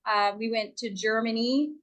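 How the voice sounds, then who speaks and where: A middle-aged woman with a slightly high voice chats as a guest. She rambles a little and stops to correct herself mid-sentence. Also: normal speed, low-quality recording. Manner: chatty, rambling, self-correcting. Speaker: guest, real estate agent. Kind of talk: casual chat.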